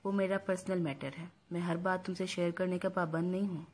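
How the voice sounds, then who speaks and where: Woman voicing young husband, storybook figure, calm, firm, dismissive, low husky tone. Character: curt, self-assured young husband.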